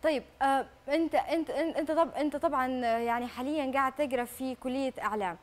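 A woman with a Libyan accent hosting a live morning talk show, speaking in a brisk and earnest way from a TV studio. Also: sits high.

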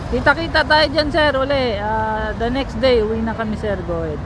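A man's voice: very high voice, normal speed. A Filipino man chatting casually into a walkie-talkie as he makes a radio check, friendly and full of radio jargon. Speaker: host making a radio range test. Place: outdoors in South Korea, near trees. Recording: noisy outdoor recording with traffic ambience.

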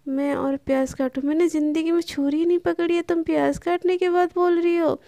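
A woman's voice: very high-pitched, steady tone, a little fast, vocal fry, mellow, dry recording. A woman voicing a touchy, pampered young woman who snaps back when teased. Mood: irritated. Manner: irritated, snappy.

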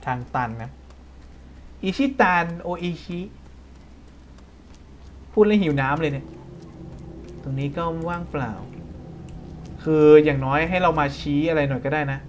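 A man with a Thai accent giving casual, jokey let's-play commentary, breaking into quick startled exclamations. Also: a little high, a little hiss or hum. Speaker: gaming streamer.

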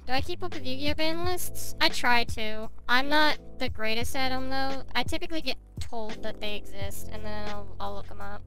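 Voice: high voice, normal speed, hardly any pauses, pushed and bright, low-quality recording. A streamer talking through a voice changer in a casual, rambling chat with listeners, answering their messages. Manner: chatty, rambling, with filler words. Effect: voice changer on the mic. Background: music.

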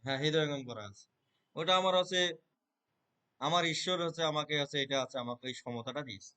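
A man's voice: a little high, bright, forceful tone, smooth. A man earnestly explaining how he pronounces verses, talking in a loose conversational way and checking that the listener follows. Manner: earnest, repeats filler words, chants verses rapidly in recitation. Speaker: Gita reciter. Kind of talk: conversational interview answers.

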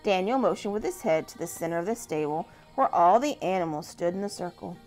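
A woman reading a picture storybook aloud to young church children, gentle and animated. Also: brisk, soft background music. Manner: gentle, animated reading with lively pitch swings.

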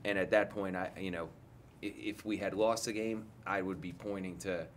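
In an indoor press room, a head coach in his forties speaks into a table mic after the game, answering candidly but ramblingly and often starting over. His voice sits low and steady at a normal speed, with slight background noise.

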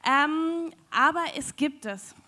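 A young woman with a German accent gives a chatty, joking science slam talk on stage into a handheld mic, in a large dim hall with an audience. Her high, bright voice is forceful and lively in intonation, though slow in pace, and filled with fillers.

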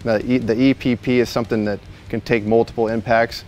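A man's voice: medium pitch, flat delivery, a little fast, darkish tone. A man in his thirties in a warehouse, giving a chatty, jokey product walkthrough on a lapel mic and laughing at his own slips. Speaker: store product reviewer. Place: large warehouse, indoors.

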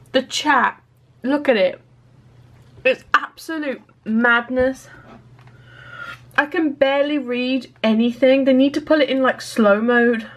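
A young woman, talking to the camera at home in a casual daily vlog, chatty and excitable with many fillers. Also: high voice. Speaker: vlogger. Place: at home indoors.

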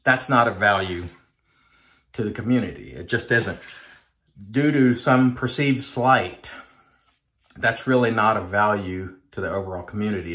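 A man's voice: fairly low pitch, fairly bright tone. A man in his forties, host of a shaving channel, talking earnestly and casually to the camera while he lathers and shaves in a small home bathroom. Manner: chatty, earnest, addresses viewers as folks.

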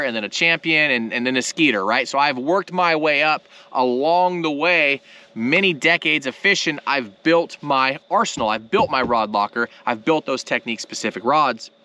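A man in his thirties hosting a fishing channel, explaining gear to the camera in a casual, energetic, plain-spoken way from a boat on a lake. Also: fairly high pitch, moderate pace. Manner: energetic, plain-spoken, lots of "right?" and "okay?". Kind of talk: casual instructional talk to camera. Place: outdoors on a boat on a lake at sunset. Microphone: camera in front at close range.

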